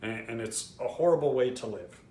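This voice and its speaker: A man's voice: mid-range voice, fairly quick, dark tone. Earnest man in an echoey room. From Israel. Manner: candid, personal, with frequent fillers and restarts. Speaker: trauma-healing video host. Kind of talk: earnest explanatory talk to camera. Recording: roomy echo with faint background noise.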